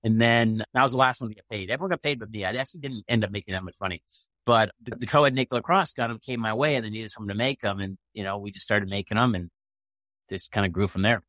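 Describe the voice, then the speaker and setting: Talking fast in a lowish, fairly bright voice, a tech entrepreneur from Maine, United States, recounts his story as an interview guest. He's a middle-aged American who speaks casually, bluntly, and colloquially. The recording has no room sound.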